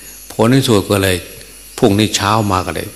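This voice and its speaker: A man's voice: on the low side, brisk, fairly bright tone. A male Buddhist monk teacher telling a story in a sermon. He speaks in a folksy way, with many filler sounds and chuckles, in a temple hall. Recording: long reverb, faint hum.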